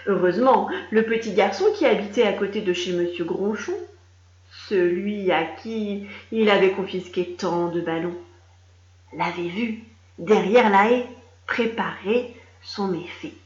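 A woman's voice: mid-range voice, slight background noise. Lady reading a kids story, talks to the kid, roomy echo, a bit dull sounding. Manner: slow, expressive, addressing a child. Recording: roomy, slightly dull recording.

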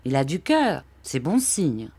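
A woman voicing a calm, firm older man who speaks to a child fairly gently. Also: low-pitched, unhurried, husky, heavily acted.

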